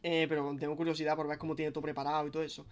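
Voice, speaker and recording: Chatty young streamer, higher voice. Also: male voice, completely flat delivery, rapid-fire. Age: young adult. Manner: chatty, swearing, restarting sentences. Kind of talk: casual live-stream chat.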